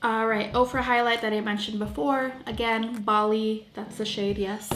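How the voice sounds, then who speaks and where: A woman's voice: on the high side, little pitch movement, normal speed, reverberant, background noise. A woman chatting playfully through a casual makeup tutorial, often trailing off mid-sentence. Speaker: beauty vlogger.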